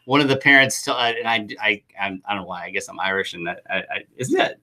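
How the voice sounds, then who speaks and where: A man's voice: on the low side, quick pace, sharp tone. A man coaching youth soccer, talking through a live chat Q&A with enthusiastic, rambling restarts.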